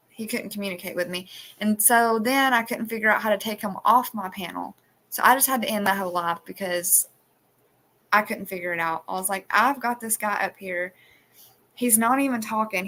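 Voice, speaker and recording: Bright-voiced woman chatting on a live stream. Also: medium pitch. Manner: rambling, with many restarts. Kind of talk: casual chat. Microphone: phone.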